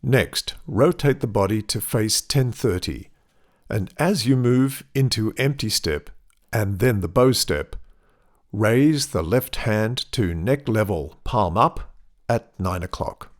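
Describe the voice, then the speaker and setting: A man giving step-by-step tai chi instruction in measured, deliberate phrases with pauses between cues. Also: fairly low pitch, animated.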